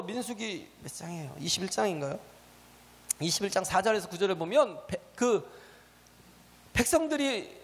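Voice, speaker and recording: A man preaching a sermon with a high-pitched voice that carries a long church-hall reverb. He keeps turning to the congregation with rhetorical questions and quick prompts for a response. Now and then he calls out a hallelujah. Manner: punctuates with shouted hallelujahs. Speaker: pastor. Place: church sanctuary.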